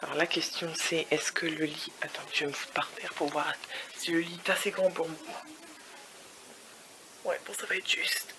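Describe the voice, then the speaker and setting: A woman with a lowish voice chats her way through a travel vlog, rambling from one thing to the next and slipping English words into her sentences. She sometimes drops to a hushed whisper, and steady background noise runs under the recording. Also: normal speed, long pauses. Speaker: vlogger. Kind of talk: casual vlog chat. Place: hotel room.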